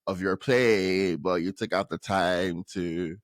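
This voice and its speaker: Low-voiced upbeat male podcast host. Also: fairly even intonation, slow, no echo. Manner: upbeat, enthusiastic, many ums. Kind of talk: casual interview chat.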